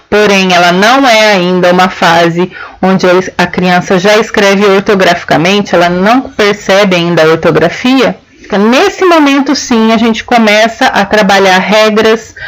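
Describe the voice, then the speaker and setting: A woman gives a lesson to her audience. Her pitch sits in an ordinary middle range. She explains things patiently, one step at a time, and often checks that her listeners are following. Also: low-quality recording. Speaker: teacher. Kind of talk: explanatory lesson on children's writing.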